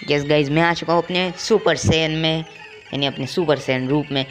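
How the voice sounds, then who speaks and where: A man giving casual commentary while playing a game, joking, taunting opponents, and slowly reading out English game text. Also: on the high side, steady tone, fairly bright tone, faint music behind. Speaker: gameplay streamer.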